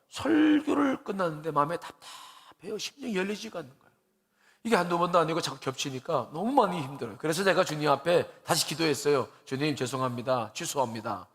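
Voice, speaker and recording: A man, a pastor, preaching an earnest, conversational sermon, laughing at himself now and then as he tells stories. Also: fairly high pitch. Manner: earnest and conversational, with rising emotional emphasis. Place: church sanctuary. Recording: long church reverb.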